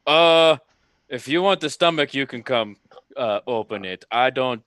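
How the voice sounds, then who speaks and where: A man's voice: medium pitch, animated, measured pace, a bit bright, no room sound. A man playing a tabletop game, joking around and muttering to himself as he decides what his character does. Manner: goofy, hums and mutters to himself. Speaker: player. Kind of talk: casual tabletop game chat.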